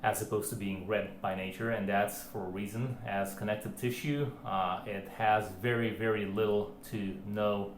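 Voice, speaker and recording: A man's voice: on the low side, steady tone, moderate pace, few pauses. A man vlogging casually about his home arm workout, rambling with many fillers and restarts. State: out of breath. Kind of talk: casual filmed chat. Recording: roomy home recording, faint background hiss.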